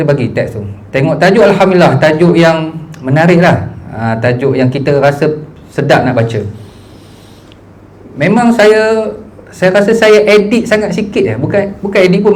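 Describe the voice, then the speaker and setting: A male preaching instructor with a Malaysian Malay accent explains delivery in a conversational, animated way, his pitch swinging up and down as he talks. He keeps asking his class for agreement. There is faint noise behind him. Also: rough recording. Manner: conversational, animated, asks "kan?" often. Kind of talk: teaching a sermon-delivery course.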